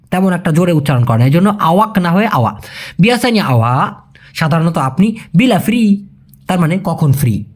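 Lively man explaining a language lesson. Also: sits high. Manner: emphatic, repeats and explains step by step, addresses the viewer as brother. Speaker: language teacher. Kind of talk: casual spoken language lesson.

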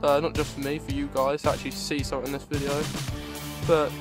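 A young adult fishing vlogger with a mid-range voice talks fast and flatly to viewers while fishing on a riverbank in winter, with music in the background. Filmed on a handheld camera held at arm's length, he is chatty and rambling in this casual outdoor vlog and calls his viewers "guys."

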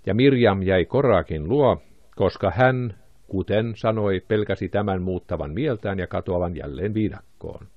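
A man's voice: lowish voice, no room sound, lo-fi sound. A man reading an audiobook aloud, lifting his voice for the characters' lines. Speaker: audiobook narrator. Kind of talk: audiobook narration.

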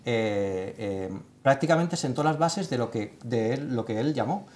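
A man's voice: medium pitch, animated, measured pace, a little mellow, a little hiss or hum. A man in his thirties in a casual studio panel chat, talking emphatically with many fillers and restarts. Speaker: tech site writer leading the segment. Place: studio set with sofa.

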